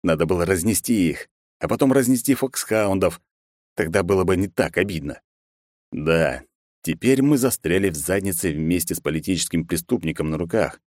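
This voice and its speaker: Deep-voiced male audiobook narrator. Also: no echo, clean studio sound. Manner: steady, measured reading. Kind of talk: scripted narration.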